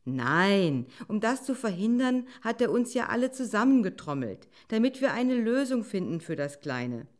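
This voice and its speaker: A woman voicing an eager, quick-witted male fox in a storybook reading, urgent and pushy. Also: medium pitch, sing-song, a little mellow, pitched above the performer's own voice, natural voice. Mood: reassuring.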